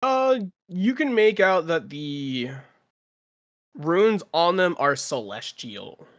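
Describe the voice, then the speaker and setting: Casual male game master, slightly high voice. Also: very animated, slow. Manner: casual, laughing, swearing. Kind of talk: narrating a tabletop game.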